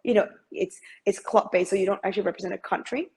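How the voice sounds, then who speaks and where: Speaking fast in a medium-pitched, creaky, slightly mellow voice, a middle-aged Malaysian woman talks as an interview guest. She is a masters swimmer, and her speech is halting, with frequent fillers and restarts.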